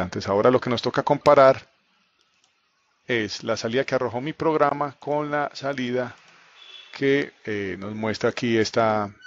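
A man teaching a live online programming class, walking through code on screen. He explains step by step, quizzes the students and often checks in with a quick question. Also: mid-range voice, dull audio. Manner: explanatory, asks students questions, frequent fillers like "entonces" and "¿cierto?". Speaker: programming instructor.

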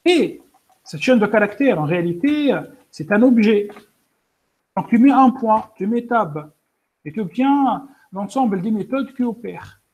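A man's voice: sits high, animated, measured pace, lo-fi sound. A man teaching a coding lesson in French, explaining step by step with many fillers and restarts, and apologizing for his English. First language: French-speaking, pronounces English words poorly. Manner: explains step by step, addresses students directly. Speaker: programming instructor.

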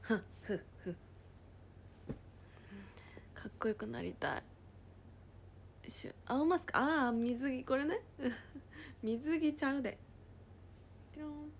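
A woman casually chatting on a livestream, reading viewer comments aloud and often dropping into a soft whisper. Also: high-pitched, lively intonation, slow pace, creaky, pauses often, slight background noise. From Japan.

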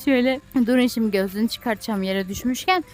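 A woman giving playful gameplay commentary as a YouTuber. She is excitable and breaks into squeals and shrieks of alarm. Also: a little high, quick pace. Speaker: gaming YouTuber.

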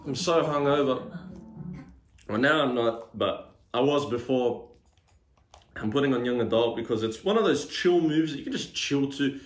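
A man's voice: mid-range voice, lively intonation, normal speed. Rambling man in a roomy space. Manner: rambling, many ums, casual swearing. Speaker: mukbang vlogger. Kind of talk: casual eating vlog. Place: room at home. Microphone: phone. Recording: roomy with faint noise.

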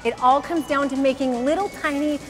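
A woman in her thirties, a fitness coach co-hosting a promo, speaking in a bubbly, enthusiastic, emphatic way on a lapel mic in a bright studio. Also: sits high, steady tone, brisk, in a large hall, faint music behind. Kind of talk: scripted promo pitch. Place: large bright indoor studio.

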